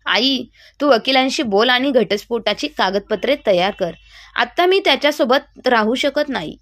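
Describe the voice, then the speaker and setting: A woman voicing a stubborn, angry young wife who speaks in a sharp, defiant way. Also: on the high side, animated, moderate pace, dry recording. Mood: indignant.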